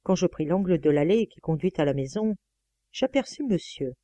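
A woman reads a first-person novel aloud in a lively, exclamatory storytelling style. Her voice is mellow and on the darker side. The close microphone gives a dry sound with no room echo. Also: lowish voice, moderate pace. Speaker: audiobook reader.

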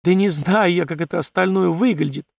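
A man's voice: fairly high pitch, expressive, fairly quick, creaky, dry recording. A man voicing a suspicious, whiny little male desert scavenger who grumbles and pleads. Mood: grumbling.

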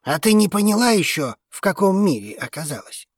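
A husky, gruff old space trader, voiced by a woman narrating a storybook. He is surly and dismissive, and his low voice swings widely in pitch. The read is close and dry. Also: very animated, a little fast, no echo, exaggerated voice. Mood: cynical.

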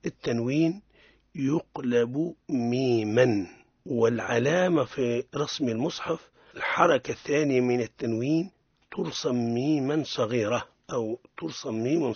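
A man with a Tunisian accent hosting a radio lesson on Quran recitation, explaining each rule slowly and repeating every example. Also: mid-range voice, darkish tone, husky, dry recording, dull audio. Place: radio studio.

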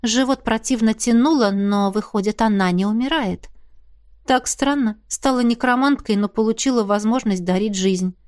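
A woman giving scripted fantasy narration in an even, measured storytelling manner. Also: a little high. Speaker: audiobook narrator.

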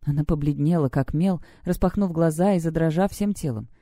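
A woman narrating a story in a steady, even reading voice. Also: deep voice, brisk, dry recording, studio quality. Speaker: audiobook reader.

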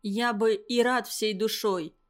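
A woman's voice: a little high, steady tone, slow pace. Woman reading as a grieving village doctor. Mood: anguished. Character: grieving middle-aged male village doctor.

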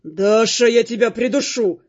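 A woman's voice: a little high, unhurried, darkish tone, pitched below the performer's own voice. A woman voicing a furious young male fire mage who growls and hisses, on a dull lo-fi recording with faint music. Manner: growling, hissing.

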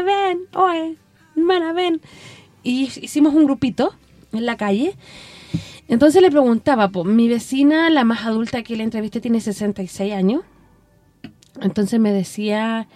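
High-voiced Chilean woman telling stories. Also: dry recording. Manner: animated, acts out quoted voices. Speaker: community radio guest. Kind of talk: casual conversational storytelling.

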